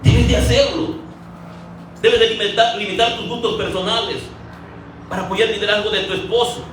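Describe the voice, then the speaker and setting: A male preacher with a high voice gives a sermon in a conversational, storytelling way, acting out the quotes he tells. He is recorded from a distance in a very echoey hall with faint ambient noise behind him. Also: steady tone, normal speed, fairly bright tone.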